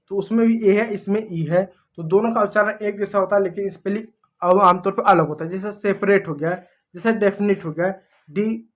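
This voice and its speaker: A man teaching English spelling rules in a patient lesson, often repeating examples and asking "okay?". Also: sits high. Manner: repeats examples, checks in with "ठीक है". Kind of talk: explanatory lesson over slides.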